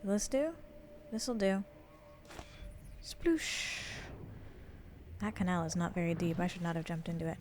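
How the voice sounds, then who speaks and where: A woman's voice: fairly low pitch, quick pace, darkish tone, slight background noise. A woman giving chatty gameplay commentary as a let's play host, talking herself through things in a flustered way. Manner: chatty, flustered self-talk.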